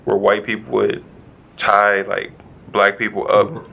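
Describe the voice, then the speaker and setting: Gravelly bright-toned man, rambling chat. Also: on the low side, monotone, unhurried, rough recording. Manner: rambling storyteller, heavy "like" fillers. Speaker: podcast co-host. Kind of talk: casual chat.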